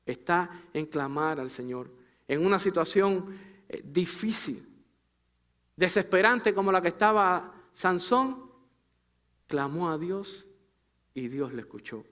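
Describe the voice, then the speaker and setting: A male pastor delivers a sermon in a fairly high voice. He speaks straight to his congregation as brother and sister. His phrases build with emphasis, then sink low and quiet as each thought closes. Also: expressive, slow, long pauses. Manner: preaching with rising emphasis and drops to a low, soft close on phrases.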